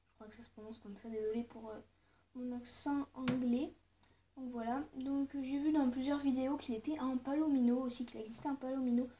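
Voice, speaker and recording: A woman's voice: sits high, a little hiss or hum. A woman vlogging casually as she shows her collection, hesitant, with many fillers and asides. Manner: hesitant, full of "euh" and "voilà" fillers. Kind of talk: casual show-and-tell vlog.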